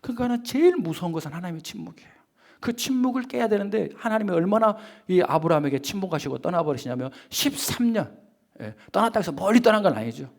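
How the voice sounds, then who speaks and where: A man preaching a sermon as pastor, who swings from loud emphatic peaks to hushed whispered asides, asks the congregation rhetorical questions and acts out quoted voices. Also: fairly high pitch.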